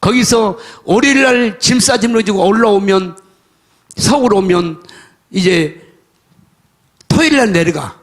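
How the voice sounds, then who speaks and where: An older man, a pastor, preaching a sermon in a folksy storytelling way, dropping to soft mutters and rising to shouts. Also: high voice, lively intonation, unhurried, long pauses.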